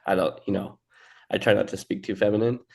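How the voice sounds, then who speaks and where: A young man teaching a language in a relaxed, casual way, with filler words and restarts. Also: on the low side, fairly quick, creaky. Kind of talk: casual lesson.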